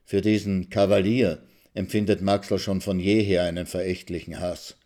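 A low-voiced man reads a literary short story in a calm, measured manner. He narrates steadily and unhurriedly, with his voice sitting slightly low for a man. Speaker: reader of a short story on radio. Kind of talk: literary reading.

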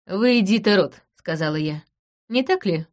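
A woman reading an audiobook in the first person, with a brisk, dry and commanding delivery. Her voice sits at a middle pitch. She gives orders crisply in the dialogue. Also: animated, a little mellow. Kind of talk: audiobook narration.

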